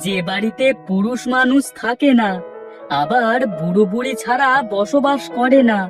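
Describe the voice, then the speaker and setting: A woman's voice: a little high, moderate pace, close to an everyday voice. A woman voicing a scheming young male village thief with a sly, plotting manner. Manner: sly, conspiratorial. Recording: distant voice over music.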